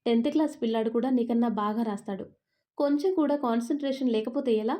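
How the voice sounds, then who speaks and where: A woman voicing a strict, sharp-tongued young woman office lead in a storybook reading. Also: medium pitch, fairly even intonation, brisk, lightly acted. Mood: scolding. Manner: stern scolding.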